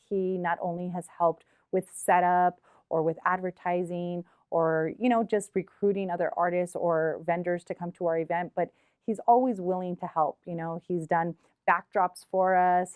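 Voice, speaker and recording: A woman's voice: on the low side, darkish tone, smooth, no room sound. A middle-aged woman, an arts organizer, speaking earnestly and from the heart in a documentary interview, with frequent hesitations. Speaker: community art shop and gallery organizer.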